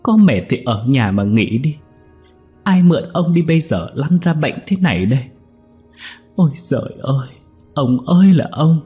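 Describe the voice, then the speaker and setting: A man's voice: on the low side, fairly quick, few pauses, mellow, slightly rough, soft background music. A man voicing a frantic, tearful middle-aged village wife who pleads breathlessly. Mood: tearful scolding.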